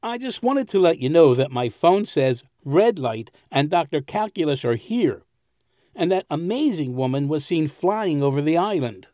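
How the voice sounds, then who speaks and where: A man's voice: on the high side, big pitch swings, moderate pace, mellow, no room sound. An actor playing a chatty, wry male neighbor at a resort in an audio drama.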